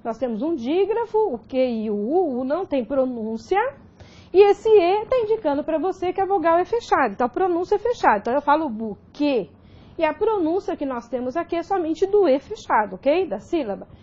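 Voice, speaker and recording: A woman's voice: high-pitched, big pitch swings, fairly quick, warm tone, dull audio. A woman teaching grammar in a recorded video lesson, explaining step by step and checking in with frequent "ok?".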